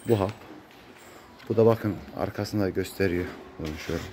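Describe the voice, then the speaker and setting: Low-voiced man with a muffled cold. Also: moderate pace, a little mellow. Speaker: cattle farmer. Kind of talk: casual farm vlog narration to viewers. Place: open-sided metal-roofed cattle barn. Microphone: handheld phone. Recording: noisy barn phone recording.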